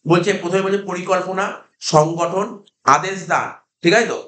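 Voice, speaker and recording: A man with a Kolkata Bengali accent teaches a class, his voice pitched high for a man. He keeps repeating key terms and firing questions back at the students. The room around him is echoey. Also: fairly even intonation, moderate pace, fairly bright tone, a little hiss or hum. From India. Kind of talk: classroom lecture.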